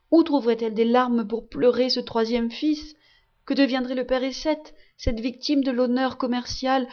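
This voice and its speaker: A woman narrating a classic novel as an audiobook, with a measured and expressive reading. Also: a little high, lo-fi sound. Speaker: audiobook reader. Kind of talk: literary narration.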